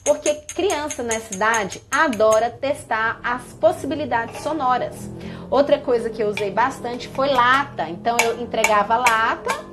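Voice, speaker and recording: A high-voiced Brazilian woman teaching other teachers on a live stream. She talks animatedly as she shows props and breaks into little sung greetings. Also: moderate pace, music in the background. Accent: Brazilian Portuguese. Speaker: early childhood teacher.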